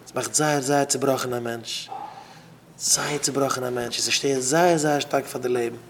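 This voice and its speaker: A man preaching to a room of students in an unpolished, conversational sermon. His pitch sits in an ordinary middle range as he hammers lines home by saying them twice. He jumps from loud bursts to quiet asides, with a faint hiss of noise behind him. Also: fairly even intonation, normal speed. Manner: emphatic, repeats phrases for effect. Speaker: rabbi giving a talk.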